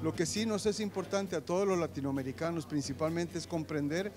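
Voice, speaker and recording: Man, testimonial, thoughtful, a bit high-pitched, music behind. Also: brisk. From Costa Rica. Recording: recorded over music.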